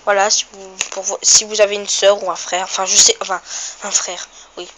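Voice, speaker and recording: A woman's voice: medium pitch, level tone, brisk, a bit bright. A female vlogger in a casual show-and-tell home video who chats to viewers, mutters to herself while counting and often corrects herself. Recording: noisy home recording.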